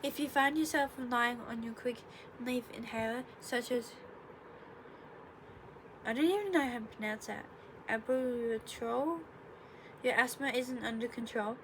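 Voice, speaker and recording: A young, slightly congested woman chats casually in her bedroom for an explainer vlog, rambling and correcting herself with sarcastic asides. Her fairly high, slightly bright voice is unhurried and pauses often. The audio is poor, with noticeable room noise.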